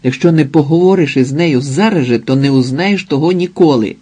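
A man's voice: a little high, brisk, mellow, breathy edge, voice pushed up. A man voicing a stubborn young red-haired woman, a witch who keeps insisting, in an audiobook. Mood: insistent. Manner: urgent, pushy.

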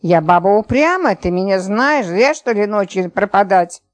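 A woman voicing a brash, quarrelsome wife who scolds and gossips loudly. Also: medium pitch, expressive, normal speed, lightly acted. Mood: scolding. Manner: brassy, scolding.

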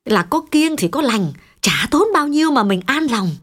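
A no-nonsense official's wife read by a woman narrating, dismissing superstition outright. Her voice is slightly high and expressive. She speaks firmly and with confidence. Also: moderate pace, exaggerated voice. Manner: firm, dismissive. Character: firm skeptical middle-aged official's wife. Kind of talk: audiobook reading.

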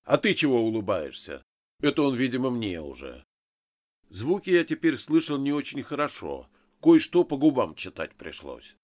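A man narrating a first-person audiobook in an expressive reading. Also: medium pitch, moderate pace.

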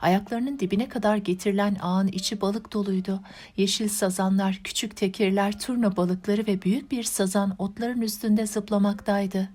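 Steady, even-toned woman narrating an audiobook. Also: medium pitch, moderate pace, soft background music. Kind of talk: audiobook narration of a classic novel.

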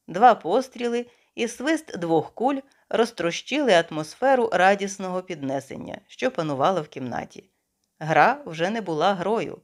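A woman reads a detective novel aloud with expressive, storytelling flair. Her voice is lowish for a woman yet rises and falls widely, shaping each scene as the narration moves on. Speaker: audiobook narrator. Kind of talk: scripted literary narration.

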